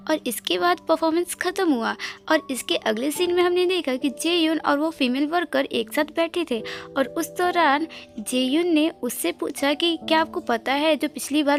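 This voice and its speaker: A woman's voice: sits high, vocal fry. A woman retelling a drama episode scene by scene in a casual spoken recap, linking events one after another and adding short explaining asides.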